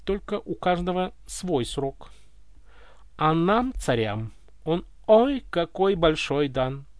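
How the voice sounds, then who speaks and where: A man voicing a pompous, touchy old tsar in a dry, close read, using a lively voice that keeps rising into roaring anger. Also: on the high side, moderate pace, no echo. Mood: scolding. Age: older. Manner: pompous, roars when offended.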